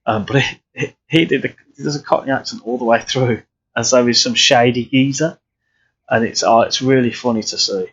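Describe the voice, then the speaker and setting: A man talks his way through a flight sim stream, rambling with many restarts. His voice is husky and mid-pitched, and the audio sounds a bit dull and lo-fi. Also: a little fast, a bit bright. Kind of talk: live flight sim commentary.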